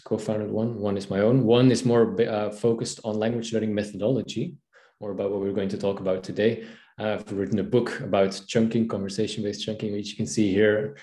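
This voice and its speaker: A Belgian man in his thirties, a native Dutch speaker with a Belgian Dutch accent, gives an online language-learning conference talk over a video call from a room at home, friendly and full of fillers and restarts. As a language teacher and presenter, he speaks in a warm, lowish voice, and the room sounds echoey.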